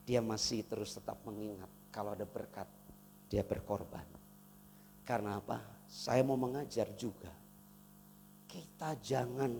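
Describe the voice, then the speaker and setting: A male pastor from Indonesia delivers a sermon, his voice rough with gravel. He surges into loud, emphatic lines, then drops to soft, close asides. The sound rings with long church-hall reverb over a faint background hiss. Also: medium pitch.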